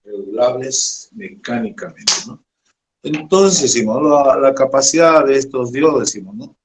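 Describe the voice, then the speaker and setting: Slow, halting male teacher in an echoey room. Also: mid-range voice, lively intonation, noisy background. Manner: slow, halting, keeps adding "decimos, ¿no?". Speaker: electronics teacher. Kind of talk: classroom lecture.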